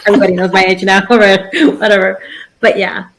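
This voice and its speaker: A podcast co-host in her thirties speaks fast in a flat, mid-range voice with vocal fry. Her casual chat rambles, with many restarts.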